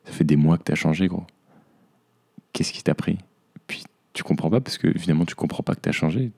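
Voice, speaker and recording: A young man with a very deep, gravelly voice and a dark, mellow tone. He hosts a podcast in a reflective personal monologue and looks back on hard months. He speaks to himself as "you". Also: quick pace. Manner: introspective, addresses himself as "tu". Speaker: podcast host.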